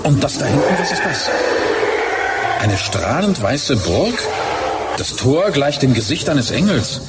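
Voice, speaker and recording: A heroic warrior in a children's radio play, with a medium-pitched, lively voice that swings with urgency and curiosity. Loud dramatic music plays behind him. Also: male voice, measured pace. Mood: curious, resolute. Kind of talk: German children's audio drama acting.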